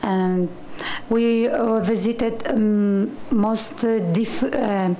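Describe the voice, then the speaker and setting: A woman speaks slowly and hesitantly, pausing often as she introduces herself. Her voice is mellow, and faint ambient noise sits behind her. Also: fairly high pitch, fairly even intonation, poor audio. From Tajikistan. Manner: hesitant, many pauses. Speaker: teacher. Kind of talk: formal self-introduction.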